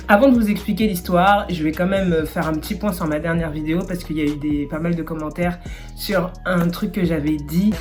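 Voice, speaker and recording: A young adult woman telling a casual storytime in slangy, animated speech full of fillers, recorded without an external microphone. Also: on the low side.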